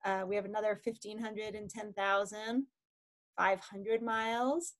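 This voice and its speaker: A woman's voice: medium pitch, steady tone, a little slow. A woman moderating an online science session, upbeat and chatty as she reads out audience answers. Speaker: moderator of a teen science café. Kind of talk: casual moderating on a video call. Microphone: video call.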